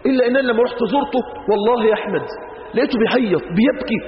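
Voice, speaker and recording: A man's voice: very high-pitched, racing. A man preaching a sermon with an Egyptian Arabic accent, emphatic, repeating phrases and asking rhetorical questions. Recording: echoey hall, dull lo-fi sound.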